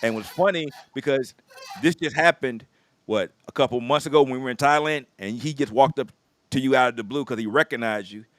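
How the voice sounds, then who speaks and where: A man's voice: mid-range voice, brisk, fairly bright tone. A man hosting a casual chat in an easygoing way, often affirming his guests. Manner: easygoing, affirming with frequent yeahs. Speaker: host.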